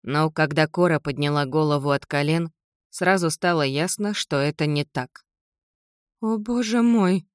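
A woman's voice: deep voice, steady tone, moderate pace, clean tone, no echo, studio quality. Woman narrating an audiobook. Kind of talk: first-person scripted narration.

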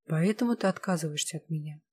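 A woman's voice: deep voice, fast, darkish tone, slightly rough. A woman reading the part of a proud, hot-tempered young vampire empress who snaps demands and then pleads. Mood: hurt.

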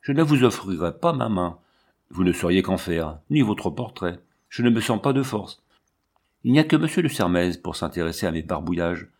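A man's voice: low-pitched, sing-song, normal speed, exaggerated voice. A man reading aloud, voicing a shy, tender young woman painter in a storybook. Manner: soft, shy.

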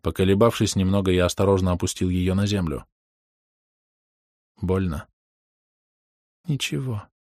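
Male narrator, first-person audiobook, steady, measured, low voice, dry close sound. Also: no echo.

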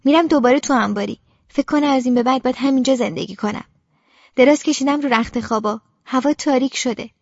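A woman narrates an audiobook in the first person as a young girl, in a quiet, subdued and brooding way. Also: high-pitched, dry recording, lo-fi sound.

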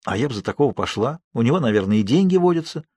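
A man reading an audiobook, voicing a naive, timid young girl patient who speaks softly and pleadingly. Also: mid-range voice, sing-song, racing, breathy edge, no echo. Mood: dreamy. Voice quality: soft, pleading.

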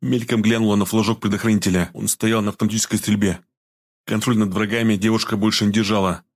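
A male audiobook narrator with a fairly low voice. He reads the story in an even, scripted storytelling manner. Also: fast.

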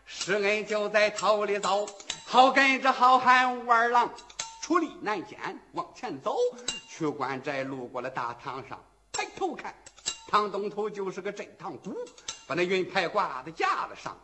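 A middle-aged male storyteller chants rhyming verse in a traditional rhythmic style, with humorous asides along the way. His voice is high and bright, and his pitch swings widely. Faint noise sits behind him. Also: big pitch swings, moderate pace.

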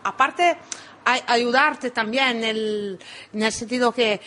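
A woman's voice: fairly high pitch, bright, forceful tone, a little hiss or hum. A woman from Italy who speaks Spanish with an Italian accent, answering questions in a radio interview and often restarting her words. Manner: halting, repeats and restarts words. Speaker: interview guest, former restaurant owner. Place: radio studio.

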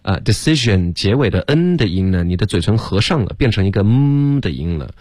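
Deep male voice, english pronunciation teacher, patient corrections, dry close sound. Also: very animated, darkish tone, no echo. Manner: corrective, models sounds slowly. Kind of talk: pronunciation feedback on a radio lesson.

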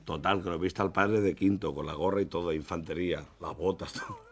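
A man tells jokes in a relaxed, colloquial way. His voice sits somewhat low for a man, and his delivery is chatty. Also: quick pace. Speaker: joke teller. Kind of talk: telling jokes.

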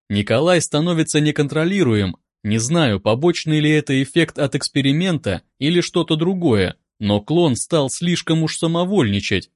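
A man calmly reading a first-person audiobook in an even, wry manner, close to a studio mic. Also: on the high side, no echo. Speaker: audiobook narrator.

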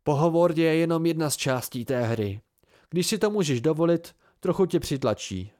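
A man's voice: fairly high pitch, expressive, darkish tone, pitched above the performer's own voice, natural voice. A man reading an amateur audiobook, voicing a dry-witted seasoned man who lectures his younger friends wryly. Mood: lecturing.

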